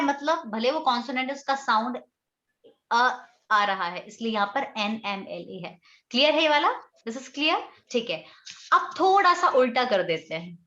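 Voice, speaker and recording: A woman's voice: a little high, bright, forceful tone. An Indian woman teaching English grammar to a class, explaining step by step and often checking whether the students understand. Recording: echoey classroom, dull lo-fi sound.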